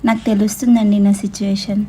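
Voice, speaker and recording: An actress playing a dying young mother who speaks softly and pleads with her husband. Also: medium pitch, flat delivery, fast, slight background noise, close to an everyday voice. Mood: pleading. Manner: soft, pleading.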